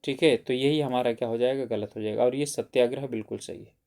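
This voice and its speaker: A man's voice: medium pitch, steady tone, fast, vocal fry, a little mellow. A man teaching an exam-prep grammar lesson, who keeps asking questions and answering them himself, often saying "theek hai".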